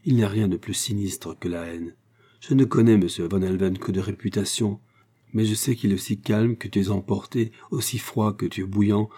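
A man reading aloud, voicing a gentle, melancholy young housewife who speaks softly and with quiet reproach. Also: on the low side, slightly rough.

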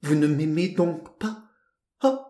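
A man's voice: fairly high pitch, lively intonation, slow pace, warm tone, voice pushed up. A man doing a breathless, lovestruck young man. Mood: ardent. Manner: breathless, pleading, stammering. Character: ardent, trembling young man in love. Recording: roomy echo.

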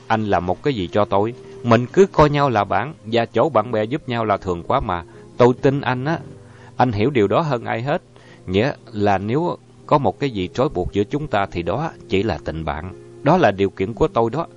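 A man reading an audiobook voices a cool, persuasive young crime boss who speaks calmly. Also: lowish voice. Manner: calm, smooth talker. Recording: dull lo-fi audio, faint music.

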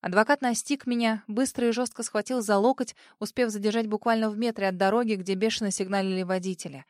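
A young adult woman narrating a dramatic story in the first person, with an emotional, expressive reading. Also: mid-range voice, fast, no echo, clean studio sound. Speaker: audiobook narrator.

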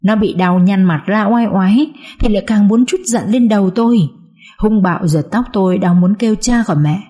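A woman narrating a first-person audiobook drama in an expressive, dramatic storytelling manner. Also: medium pitch, normal speed.

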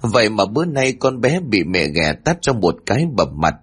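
A man narrating a dramatic family story in an expressive reading. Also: lowish voice, normal speed, slightly rough.

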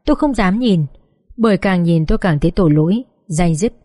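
A woman's voice: fairly low pitch, animated, a little fast, dark tone, no echo, studio quality. A woman narrating a dramatic first-person audiobook story in a sorrowful, confessional tone.

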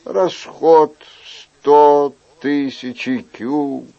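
A man reading an audiobook, voicing a weary, wry middle-aged king in a soft, measured way. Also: on the high side, steady tone, creaky, dull audio, voice pushed up, heavily acted.

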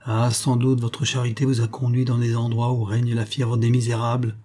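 A man's voice: mid-range voice, little pitch movement, normal speed, warm tone, lightly acted. A man reading an audiobook, voicing an alarmed young woman who asks anxious questions.

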